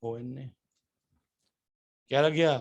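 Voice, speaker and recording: A man's voice: medium pitch, takes it slowly, muffled recording. A man teaching chemistry to a class. He keeps asking the students questions and answers them himself, and he spells out formulas letter by letter. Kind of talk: classroom lecture.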